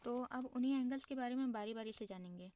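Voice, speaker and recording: High-voiced woman teaching maths. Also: fast, dark tone. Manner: asks and answers her own questions, checking with "ठीक है". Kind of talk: explaining a lesson at a board.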